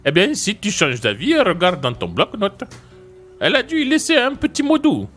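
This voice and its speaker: An excitable male police chief from a game, talking high and bouncy with a Marseille accent, as a man puts him on. His voice leaps around constantly, with soft music in the background. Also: moderate pace, heavily acted. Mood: briefing. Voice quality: high and bright.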